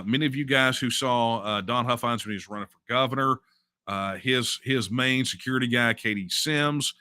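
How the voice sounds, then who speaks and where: A man's voice: medium pitch, sharp tone, no room sound. A middle-aged man hosting a casual livestream, reading viewer messages with mocking asides and lots of "uh" fillers. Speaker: host.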